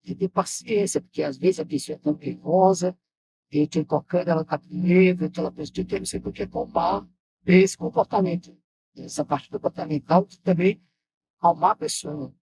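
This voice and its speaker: A Brazilian man with a Bahian accent, a musician guest in a TV studio, chiming in with lively short remarks. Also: high voice, normal speed, creaky, low-quality recording. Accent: Brazilian Portuguese, Bahian. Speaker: musician guest, keyboard player. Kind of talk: casual studio chat.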